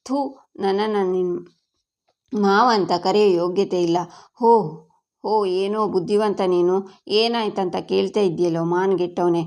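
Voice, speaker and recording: A woman voicing an enraged middle-aged father who shouts threats over his dead daughter. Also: mid-range voice, a little slow, pauses often, natural voice. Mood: furious.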